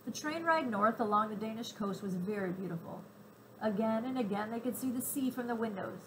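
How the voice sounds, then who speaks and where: A woman's voice: fairly high pitch, brisk, noisy background. Woman reading a chapter book aloud. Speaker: reader. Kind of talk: storybook read-aloud narration.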